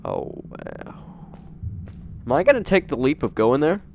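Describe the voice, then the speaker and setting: A man hosting a gaming channel, giving jokey, excitable let's play commentary and talking to himself. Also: fairly high pitch, measured pace, slight background noise.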